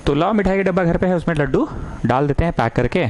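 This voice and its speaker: A man teaching a maths lesson, coaxing his students and repeating lines slowly as he dictates. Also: on the high side, lively intonation, darkish tone, poor audio. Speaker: maths tutor.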